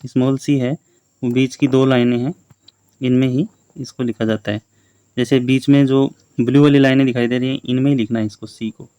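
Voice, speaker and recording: A male teacher giving a slow, patient lesson on letters to young children, repeating each letter and word many times. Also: mid-range voice, little pitch movement, mellow, clear, resonant tone, no room sound.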